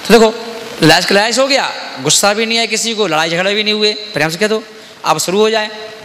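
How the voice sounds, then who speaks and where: A man's voice: sits high, fairly quick, sharp tone, slight background noise. A man, a Jain monk, giving a sermon. He keeps asking "है ना?" and acts out everyday scenes. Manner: repetitive, asks "है ना?" often, acts out everyday scenes. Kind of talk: Hindi sermon. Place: dharmshala hall. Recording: long hall reverb.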